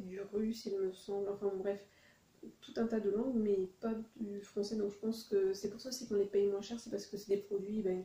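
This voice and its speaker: Chatty woman with a dark, mellow voice. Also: mid-range voice, reverberant, low-quality recording. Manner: rambling, self-correcting, chatty. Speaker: vlogger showing shopping haul. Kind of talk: casual chat.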